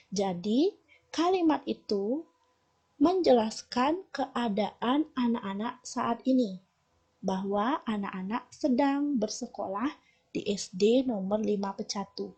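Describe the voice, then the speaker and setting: A woman with a Balinese accent teaching children a language lesson, explaining slowly and patiently. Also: on the high side, mellow, slightly rough. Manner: slow, patient explaining to children, shifting between Balinese and Indonesian. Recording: dull lo-fi recording.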